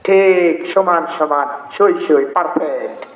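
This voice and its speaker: A man's voice: on the high side, slow. A man with a Bangladeshi Bengali accent preaching a sermon at an outdoor gathering over a microphone, asking the crowd questions and breaking into sung refrains. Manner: call-and-response with the crowd, sings devotional lines. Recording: echoey dull PA sound.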